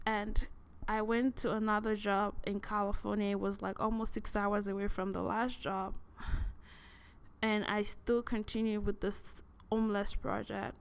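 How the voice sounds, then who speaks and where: A woman giving a personal testimony in a halting, repetitive way, full of restarts and sighs. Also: mid-range voice, clean tone.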